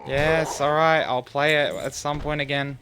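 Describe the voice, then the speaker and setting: A man's voice: a little high, steady tone, a little slow, fairly bright tone, slight background noise. A man chatting casually on a stream while playing a game, reacting with easy chuckles.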